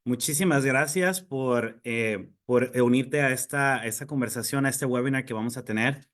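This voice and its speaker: Man, Mexican Spanish accent, teacher, webinar presentation, friendly and earnest, fillers and self-corrections, mid pitch. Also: fairly bright tone. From Mexico (Mexicali, Baja California).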